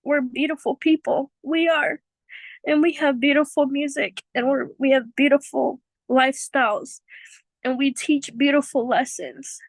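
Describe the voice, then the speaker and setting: A woman's voice: high voice, fairly even intonation, a little slow, no room sound, poor audio. A woman whose first language is Chamorro, sharing personal experience as a learner in an earnest, emotional, informal way. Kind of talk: heartfelt personal testimony in casual talk.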